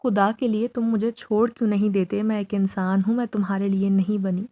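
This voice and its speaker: A woman's voice: medium pitch, little pitch movement, mellow, close to an everyday voice. A woman voicing a frightened young woman facing a jinn in a spoken horror story. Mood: fearful.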